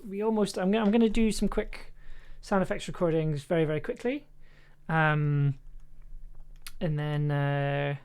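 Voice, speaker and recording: A woman streamer and sound designer talks casually and playfully on a livestream, thinking aloud while she edits audio. Her low voice is clean and a little mellow, at a normal speed.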